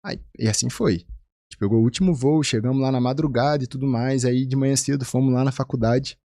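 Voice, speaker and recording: A man from Rio de Janeiro with a Carioca accent, a physician guest telling a personal story in a casual, animated way and acting out the voices of the people in it. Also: a little fast, no room sound, clean studio sound. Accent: Carioca Brazilian Portuguese. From Rio de Janeiro, Brazil. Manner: animated, acts out quoted voices with big pitch jumps.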